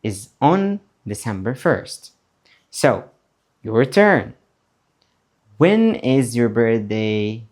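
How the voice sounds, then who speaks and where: A male English teacher with a medium-pitched, lively voice speaks slowly in a beginner lesson. He drills words deliberately, repeating each for learners to copy.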